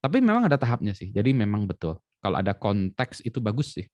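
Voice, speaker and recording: A man speaking as an expert guest in a casual chat, explaining thoughtfully and trailing off softly. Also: lowish voice, very animated, quick pace, no room sound.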